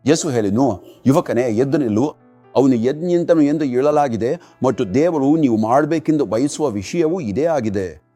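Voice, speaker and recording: A man's voice: medium pitch, mellow. A man delivering a dubbed sermon voice-over in an earnest preaching manner. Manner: earnest preaching, repeated commands.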